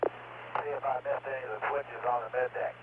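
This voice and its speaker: A man's voice: medium pitch, little pitch movement, fairly quick, phone-quality sound. Male astronaut, crackly radio link with heavy static hiss, brief matter-of-fact replies. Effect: crackly radio link full of static. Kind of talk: air-to-ground radio exchange.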